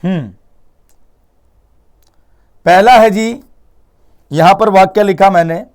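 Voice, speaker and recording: A young man teaching a live online Hindi grammar class, lively, quizzing students with repeated questions and mixing English words into his talk. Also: high voice, takes it slowly.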